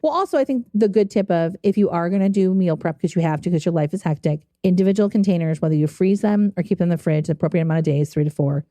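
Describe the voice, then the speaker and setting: A woman hosting a podcast in casual chat, chatty and quick to laugh. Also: lowish voice, no room sound. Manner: laughs often, animated and chatty. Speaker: podcast host.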